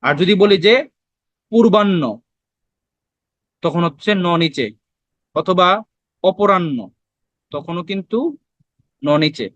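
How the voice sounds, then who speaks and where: High-voiced young Bangladeshi man tutoring. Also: takes it slowly, long pauses, fairly bright tone, dry recording, lo-fi sound. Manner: conversational, asks students questions then answers them, mixes in English words. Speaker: admission test tutor. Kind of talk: online lesson explaining spelling.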